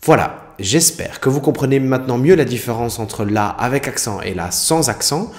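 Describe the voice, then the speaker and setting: A man's voice: mid-range voice, animated, moderate pace. A man teaching a French spelling lesson, explaining examples carefully and spelling out letters.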